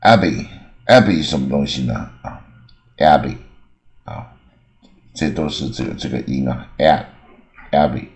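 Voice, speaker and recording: Very deep-voiced man teaching. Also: animated. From Taiwan. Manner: frequent "啊" fillers, slow drawn-out demonstrations. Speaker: English teacher. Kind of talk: explanatory lesson, Mandarin mixed with English examples.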